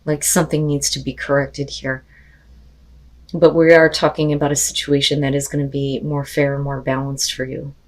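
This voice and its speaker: A woman, slightly hoarse from losing her voice, doing a casual tarot card reading, chatty and full of "you know" and "like" fillers. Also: extremely low pitch, flat delivery, moderate pace. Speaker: tarot reader.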